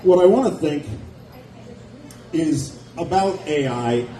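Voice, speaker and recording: Slow and expressive, his voice a little high and warm, a man in his forties does stand-up at a nightclub with a handheld stage mic. He chats with the audience in a sardonic, wry way. The club recording is echoey and distant, with background noise.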